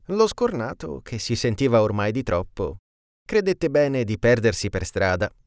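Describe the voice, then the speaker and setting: A man reading a classic tale aloud with an expressive storytelling delivery. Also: mid-range voice, moderate pace, dry recording, studio quality.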